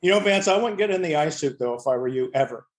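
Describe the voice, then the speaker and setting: A man's voice: fairly high pitch, lively intonation, quick pace. A middle-aged or older man talking casually on a panel in a blunt, salty, joking way. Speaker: fire service podcast panelist.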